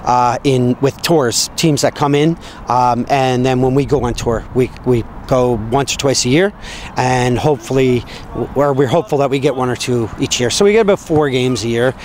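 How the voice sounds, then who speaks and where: A man, a rugby coach, answering interview questions outdoors with hesitant pauses and fillers. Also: mid-range voice, a little mellow, slight background noise.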